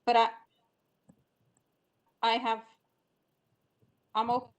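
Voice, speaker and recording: A woman neighbor makes her comment at a public hearing, halting and full of fillers. Her voice sits a touch high and moves slowly. A bad online connection breaks her up, so she comes through choppy and from far off. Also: monotone. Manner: halting, hesitant, many fillers. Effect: breaking up over a bad call connection. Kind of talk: public comment on a video call. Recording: choppy distant online call audio.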